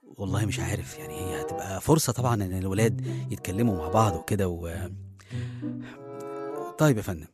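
A man's voice: low-pitched, quick pace, pauses often, lightly acted. An actor with an Egyptian accent playing a harried, well-meaning middle-aged father in a radio serial, conversational and often hesitant. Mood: flustered, polite. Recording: music behind the voice.

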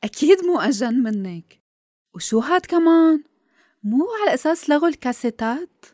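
High-voiced teasing Levantine friend. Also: female voice, expressive, a little fast, darkish tone, no echo, clean studio sound. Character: teasing, dry-witted young woman friend. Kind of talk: radio drama acting.

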